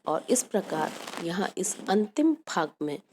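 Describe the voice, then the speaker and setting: A woman university lecturer giving a recorded academic lecture, reading a prepared text in a measured way and listing examples. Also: lowish voice, very animated, darkish tone, slight background noise.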